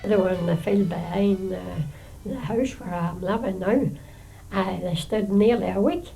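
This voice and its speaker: A woman's voice: mid-range voice, a little slow, vocal fry, warm tone, faint music behind. An older woman with a Northern Irish accent, reminiscing casually in homely, hesitant phrases. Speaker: local resident sharing memories.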